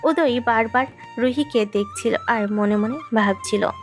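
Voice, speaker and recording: Soft background music accompanies a fairly high-voiced woman as she narrates a romantic audio story. Her scripted delivery is unhurried.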